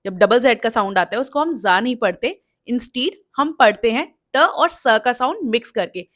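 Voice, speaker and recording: A woman explaining English pronunciation, repeating words slowly to drill them. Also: on the high side, animated, a bit bright. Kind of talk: explanatory lesson.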